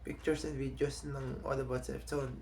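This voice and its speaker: A young Filipino man vlogging to his subscribers in a casual, halting way, often stopping to restart and correct himself. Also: mid-range voice, little pitch movement, creaky, darkish tone, slight background noise. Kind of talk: casual vlog talk to subscribers.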